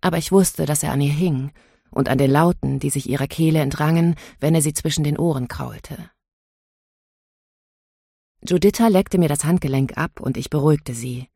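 A woman's voice: low-pitched, gravelly, warm tone, breathy edge, no echo. Woman reading an audiobook, dry sound. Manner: measured, inward storytelling. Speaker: audiobook narrator. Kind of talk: scripted first-person narration.

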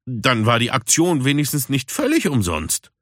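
A man's voice: medium pitch, wildly swooping pitch, moderate pace, fairly bright tone, no echo, clean studio sound, pitched above the performer's own voice. A man voicing a blunt, curt young female street cat in a storybook reading.

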